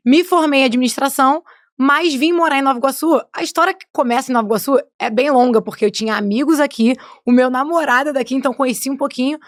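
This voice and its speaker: A woman's voice: sits high, fast, dry recording, studio quality. A woman, chatting as a guest on a podcast, tagging her sentences with "né?". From Rio de Janeiro state, Brazil. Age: 20s. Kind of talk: casual podcast conversation.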